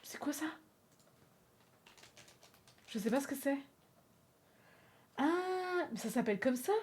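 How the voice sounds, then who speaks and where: High-voiced playful woman streamer. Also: animated, takes it slowly, a little mellow, a little hiss or hum. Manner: playful, exclamatory, chatty with viewers. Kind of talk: live-stream commentary while drawing in a game.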